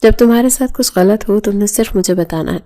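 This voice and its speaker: A woman reading the lines of a young husband, sharp when angry and gentle when he comforts. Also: medium pitch, natural voice. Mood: tender. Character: stern young husband, harsh then tender.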